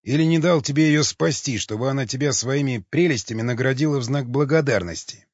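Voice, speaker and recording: A man's voice: medium pitch, fairly quick, dry recording, close to an everyday voice. A man voicing a cold, mocking cannibal mercenary in an audiobook, with a sarcastic, menacing delivery. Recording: dull lo-fi sound.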